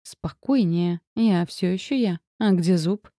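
A woman voicing a brisk, blunt adult sister in an audiobook. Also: on the low side, mellow, no room sound, clean studio sound.

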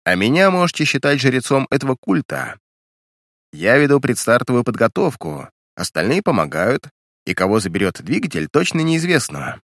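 A man's voice: medium pitch, sing-song, moderate pace, vocal fry, a bit bright, no echo, studio quality, exaggerated voice. A man putting on a grumbling old engineer. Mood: dryly wry. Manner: grumbling, matter-of-fact. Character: grumpy old legless male ship engineer.

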